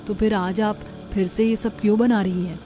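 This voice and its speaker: A woman voicing a meek, worried young elder daughter-in-law who talks softly and hesitantly in a cartoon story. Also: medium pitch, fairly even intonation, moderate pace, music in the background, natural voice. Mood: reasoning.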